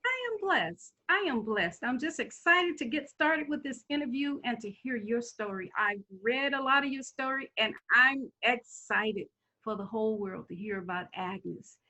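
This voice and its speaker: A woman's voice: fairly high pitch, expressive, normal speed, pushed and bright, rough recording. A woman hosting an interview, opening with effusive enthusiasm. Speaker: interviewer host.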